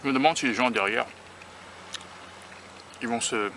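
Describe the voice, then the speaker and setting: A medium-pitched man speaks at a moderate pace with vocal fry and a sharp tone. He's a US food-tasting vlogger eating outside by a beach near rail tracks, filming himself on a handheld camera or phone, casual, musing and self-conscious, frequently restarting sentences. Outdoor traffic and vehicle noise are present.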